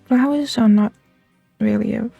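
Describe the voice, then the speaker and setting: A woman's voice: a little high, normal speed, gravelly, breathy edge, no room sound, narrow, tinny audio, faint music behind. A woman casually playing a video game and reading its dialogue aloud as she goes.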